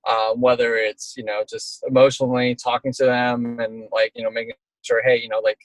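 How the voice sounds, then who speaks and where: A man's voice: medium pitch, little pitch movement, moderate pace, dry recording, poor audio. A middle-aged man speaking as an interviewed storm chaser, casual and reflective, talking in rambling stop-start phrases.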